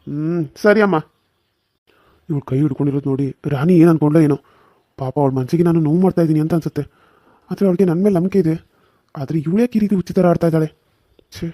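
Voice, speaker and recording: A troubled young cartoon husband, voiced by a man, mutters his worries aloud. His voice is mellow and a little high, and he talks quickly. The sound is dry. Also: no echo, lightly acted. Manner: troubled, musing to himself. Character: worried young husband torn between wife and mother. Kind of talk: cartoon serial voice acting.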